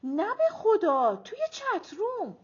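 A woman reading an audiobook, voicing a playful young woman who speaks in a high, drawn-out, teasing way. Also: very animated, heavily acted. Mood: laughing. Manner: bright, drawn-out, playful delivery. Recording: dull lo-fi audiobook recording.

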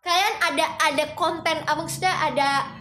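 A woman's voice: high voice, steady tone, brisk, bright, forceful tone, reverberant, soft background music. A young woman hosting a casual livestream, chatting with viewers and greeting them in a sing-song way. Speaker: livestream host.

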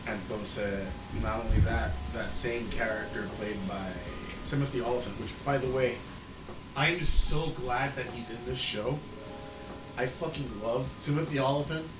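Man, casual podcast co-host, bilingual code-switching, echoey room, loud background music. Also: medium pitch, measured pace. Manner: switches between English and Spanish. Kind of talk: casual film and TV chat with profanity. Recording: roomy echo with loud music behind.

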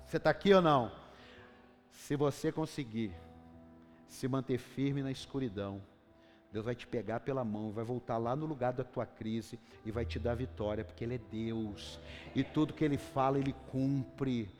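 A man with a Brazilian Portuguese accent preaching a fervent sermon, swinging from hushed tones to shouting and repeatedly calling out questions to the congregation. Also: mid-range voice, normal speed. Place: church hall. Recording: reverberant hall with faint music.

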